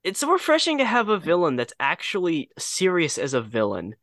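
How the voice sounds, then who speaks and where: An emphatic co-host chats on a podcast, making firm points. The pitch moves widely and lively. The recording is dry and close. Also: fairly quick, no echo. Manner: emphatic, opinionated. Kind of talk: casual chat.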